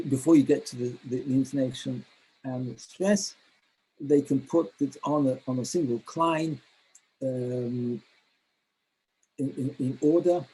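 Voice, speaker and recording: Male webinar trainer, dark husky voice, hesitant delivery full of ums. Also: mid-range voice, low-quality recording. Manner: halting, many fillers and restarts. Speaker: teacher trainer giving a webinar. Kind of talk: webinar lecture.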